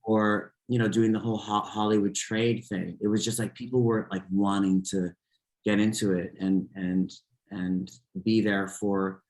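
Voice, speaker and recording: A man's voice: fairly low pitch, level tone, moderate pace, darkish tone, echoey room. A man guesting on an interview podcast, talking casually and rambling with many restarts and fillers. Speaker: podcast guest, fitness instructor.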